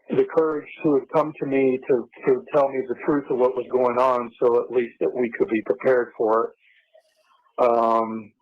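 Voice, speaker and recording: An older man talks over a phone on speaker, his words slow and halting, broken up by uh and um. His voice stays flat and even with little rise or fall. The line is muffled and dull. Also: mid-range voice. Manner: halting, full of uh and um fillers. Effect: heard through a phone line on speaker. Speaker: father on a jail phone call.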